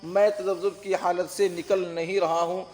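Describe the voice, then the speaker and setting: The Urdu-Hindi translation teacher's voice sits high yet has a darkish tone, staying level at normal speed in a big-room sound. Patiently, he runs an online exam-prep translation lesson, repeating terms and checking that listeners follow.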